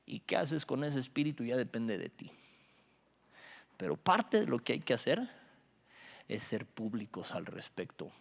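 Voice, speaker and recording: A man's voice: medium pitch, measured pace, creaky, long pauses. A young man, preaching at a youth Bible study, telling stories with acted-out dialogue and joking with the audience. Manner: animated storytelling, acts out dialogue, jokes with the audience. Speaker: youth pastor. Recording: reverberant hall.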